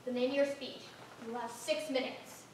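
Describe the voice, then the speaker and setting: A strict male teacher barks short, clipped orders at a nervous student, voiced by a young woman on a community stage. The voice sits high and carries from well back in a big echoing hall. A faint hum of ambience lies behind it. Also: fairly even intonation, normal speed, darkish tone, natural voice. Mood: coaching. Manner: firm, clipped instructions. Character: stern male teacher coaching a student speaker. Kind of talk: community theater stage play. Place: theater stage. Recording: echoey hall from far off.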